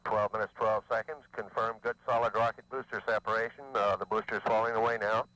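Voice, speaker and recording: A man giving clipped, steady launch callouts over a crackling space radio link that breaks up, heard on an old archival recording. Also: lowish voice, fairly quick. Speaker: mission control announcer.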